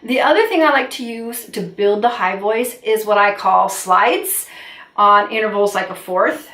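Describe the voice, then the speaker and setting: Speaking at a measured pace and medium pitch, this encouraging middle-aged vocal coach teaches a video lesson with warmth, moving her hands as she explains. The mic sits far from her, a bit off-axis, and the echoey room gives the audio a roomy quality.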